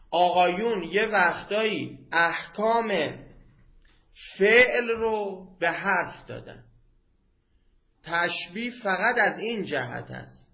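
A man teaching a seminary class on Arabic grammar. He draws quoted Arabic phrases out slowly and chants them, then talks quickly and casually to his students. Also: fairly high pitch. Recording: dull lo-fi classroom recording with faint noise.

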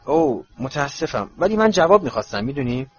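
A man voicing a resentful teenage boy with forced calm and sarcasm in a storybook reading, in a slightly muffled recording with faint hiss. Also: mid-range voice, faint music behind, close to an everyday voice. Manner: strained calm breaking into sarcasm.

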